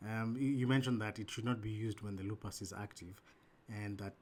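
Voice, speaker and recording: A man's voice: on the low side, fairly even intonation, fairly quick, darkish tone, a little hiss or hum. A man hosting a webinar Q&A over a video call, friendly and grateful, stumbling over restarts as he reads out questions. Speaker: host and moderator. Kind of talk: moderating a webinar Q&A.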